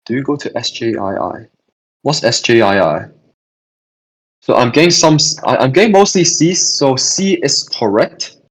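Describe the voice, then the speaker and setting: A man's voice: mid-range voice, lively intonation, moderate pace, breathy edge, rough recording. A young man hosting an online physics revision session, talking casually, answering chat questions and often repeating and restarting his phrases.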